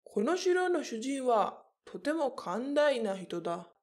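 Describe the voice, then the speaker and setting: A woman voicing a weary middle-aged merchant father, speaking slowly in a lowered voice as if muttering to himself. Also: big pitch swings, a little mellow, heavily acted. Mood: grateful.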